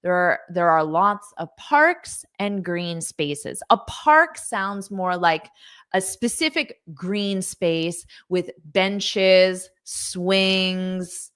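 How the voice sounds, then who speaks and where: A woman's voice: lowish voice, very slow, fairly bright tone, clean tone. A woman teaching English in a live online lesson, reading out viewer comments, repeating words patiently and praising students.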